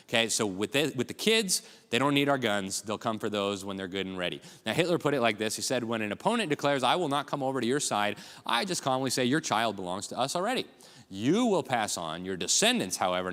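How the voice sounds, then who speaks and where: A man's voice: mid-range voice, fairly bright tone. A man giving an urgent, emphatic conference speech, full of rhetorical asides to a live audience. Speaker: conference speaker. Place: large hall with audience. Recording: live talk in a reverberant hall.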